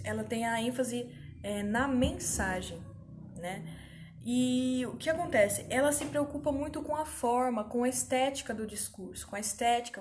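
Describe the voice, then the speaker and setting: A woman, a little higher-pitched than most, teaching an online grammar class. She explains step by step and keeps checking in with her students as she goes. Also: noisy background. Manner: patient explaining, frequent check-ins with students.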